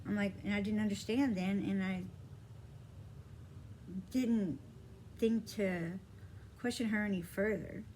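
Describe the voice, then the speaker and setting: A woman's voice: mid-range voice, slow, pauses often, a little mellow, a little hiss or hum, rough recording. A woman vlogging casually, telling a story from her childhood with many fillers and acting out the dialogue. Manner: rambling, many fillers, acts out quoted dialogue. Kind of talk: casual personal storytelling to camera.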